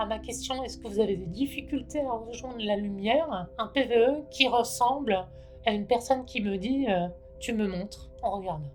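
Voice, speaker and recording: A woman with a slightly high voice narrates her own investigation video. She talks in a measured, hesitant way, pausing often and filling gaps with small sounds. Calm commentary as the channel's host.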